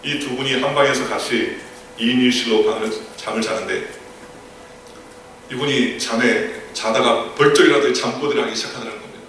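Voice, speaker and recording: Middle-aged male pastor, earnest storytelling sermon, crisp bright tone, miked from afar in a reverberant sanctuary. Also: mid-range voice, brisk, slight background noise. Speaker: senior pastor. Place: church sanctuary. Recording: echoey hall, voice from a distant mic.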